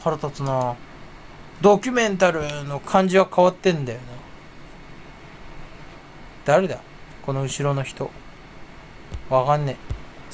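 A man's voice: on the high side, a little hiss or hum. A young man chatting alone at his computer in a casual, rambling way, mumbling to himself and mocking his own poor memory. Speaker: streamer. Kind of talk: casual solo chat while browsing online.

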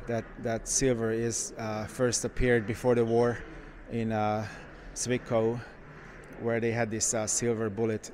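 A man who runs a car shop, walking through a car museum and giving casual, enthusiastic commentary with frequent pauses. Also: fairly low pitch, a little mellow. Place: indoor car museum halls.

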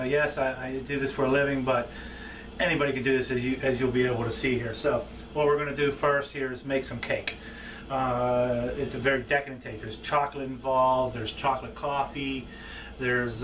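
A man in his thirties hosting a cooking show as a chef, talking casually and plainly in a halting, informal way. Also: medium pitch. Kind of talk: casual instructional vlog talk. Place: indoors at home, table and kitchen. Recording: distant mic with background noise.

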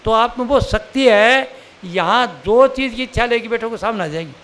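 A man's voice: very high voice, moderate pace, fairly bright tone. An older man from India giving a spiritual sermon in a plain, conversational teaching manner with everyday examples. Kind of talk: satsang sermon.

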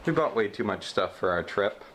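A man's voice: fairly low pitch, lively intonation, moderate pace, a bit bright, a little hiss or hum. A man in his thirties chatting and joking into a handheld camera in a cluttered living room at home. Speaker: family vlogger. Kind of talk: casual home vlog.

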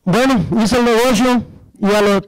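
A very high-pitched man at a moderate pace relates his testimony during a church service, dramatizing the dialogue and asking the congregation rhetorical questions as a storyteller would. The recording is rough but free of echo.

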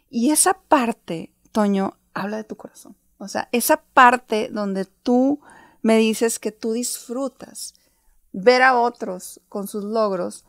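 Higher-voiced woman host, dry and close. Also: no echo. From Mexico. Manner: effusive, long affirming summaries. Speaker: interview host. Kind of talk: warm reflective interview.

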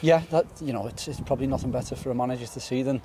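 A young man talks fast and earnestly after a match, tripping over repeated words as he gathers his thoughts. His voice sits at a medium pitch with a mellow, dark tone. He is recorded outdoors on a floodlit pitch, with a faint open-air hush behind him. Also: slight background noise. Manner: quick, earnest, repeats words while thinking. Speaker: footballer. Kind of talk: post-match interview. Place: floodlit football stadium pitch at night, outdoors. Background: faint outdoor stadium ambience.

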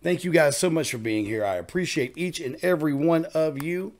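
A man's voice: fairly high pitch, a little fast. A man hosting a reaction channel, chatting casually and reacting with enthusiasm over faint music. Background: faint music playing.

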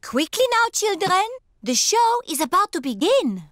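A woman voicing a brisk, fussy gazelle schoolteacher in a children's cartoon. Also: very high-pitched, big pitch swings, a bit bright, dry recording, studio quality, heavily acted. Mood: brisk shushing.

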